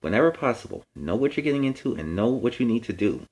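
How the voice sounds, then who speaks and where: A man's voice: mid-range voice, sing-song, quick pace, a little mellow, close to an everyday voice. A man playing a friendly young superhero who hosts a children's storytime, reading animatedly and explaining things in kid-friendly asides. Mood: earnest, animated. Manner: kid-friendly, explains words and gives advice.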